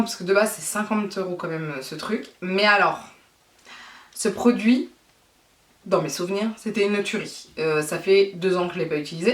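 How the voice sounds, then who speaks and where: Chatty enthusiastic lady showing off beauty buys, kinda far from the mic, roomy echo. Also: mid-range voice. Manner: chatty, enthusiastic, rambling with self-corrections. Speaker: beauty vlogger. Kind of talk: casual product haul chat. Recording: echoey room, voice away from the mic.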